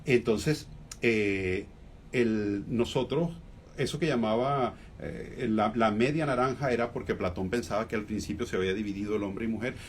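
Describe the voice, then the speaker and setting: A man with a Venezuelan accent, a humorist guest in a radio interview, talking reflectively with many fillers and pauses. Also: on the low side, a little hiss or hum.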